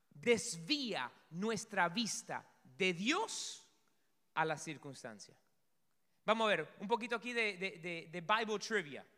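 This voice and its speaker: A male pastor preaching a sermon in an animated way, acting out story scenes and sometimes shouting. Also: high voice. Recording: long hall reverb.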